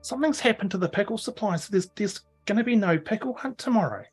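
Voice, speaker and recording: A man's voice: high-pitched, lively intonation, fast talker, slightly rough, soft background music, voice pushed up. A man voicing a gossipy nine-year-old boy. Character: chatty young red-haired boy, gossipy.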